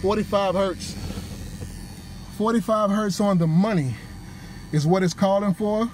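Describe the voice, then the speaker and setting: A man reviews car audio gear in a hands-on test, walking "you guys" through each step in an explanatory way. His high-sitting voice has a darkish tone, fairly even intonation and an unhurried pace, with clear vehicle background noise.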